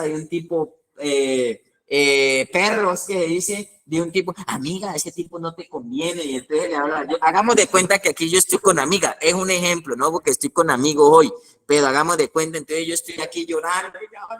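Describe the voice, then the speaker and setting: A man preaching a teaching sermon, animated, acting out little scenes and asking his listeners questions. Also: on the high side. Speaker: pastor.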